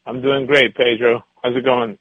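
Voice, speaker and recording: A man's voice: mid-range voice, level tone, moderate pace, no room sound. Man on a tinny phone line. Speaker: boxing guest correspondent. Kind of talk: casual chat.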